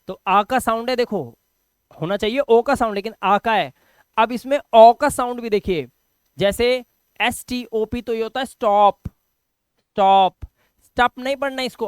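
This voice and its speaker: A man's voice: high-pitched, clean tone, dry recording, clean studio sound. A man with a Hindi accent teaching English spelling and pronunciation, spelling words letter by letter and answering his own questions. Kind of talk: spoken phonics lesson.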